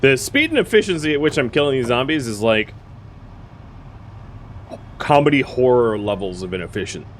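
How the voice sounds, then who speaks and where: A man's voice: medium pitch, sing-song, moderate pace, long pauses, a little hiss or hum. A man giving casual, wry gameplay commentary as a streamer, thinking aloud with fillers. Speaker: gaming streamer.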